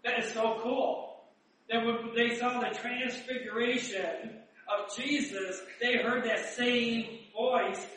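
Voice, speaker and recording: A man giving a chatty Bible teaching, asking rhetorical questions and reading verses slowly. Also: very high voice, fairly even intonation, a bit bright. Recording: roomy echo, distant mic.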